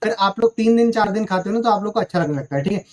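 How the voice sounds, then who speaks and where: A man's voice: sits high, expressive, racing. A young man teaching exam vocabulary in a recorded lesson, explaining each word with rhetorical questions and checking in after almost every line.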